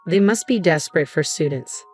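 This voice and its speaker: Woman voicing a jealous snide sister, low-pitched, cutting remarks in a narrated story. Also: animated, fairly quick, a little mellow, husky, faint music behind. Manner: sneering, snide. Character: spiteful jealous adult sister, drunk.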